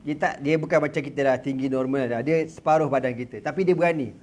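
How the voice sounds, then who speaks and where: A religious teacher with a Malaysian Malay accent talks fast at medium pitch during a prayer-room lecture. His storytelling is lively and jokey, peppered with slang and sound effects.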